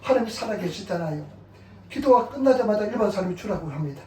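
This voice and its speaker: A middle-aged man preaches in a church, recounting his own stories with animated energy and an occasional chuckle. His voice sits high for a man. The sound carries the echo of a church hall, picked up from a distance. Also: quick pace, slight background noise. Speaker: pastor. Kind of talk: sermon with personal testimony. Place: church sanctuary.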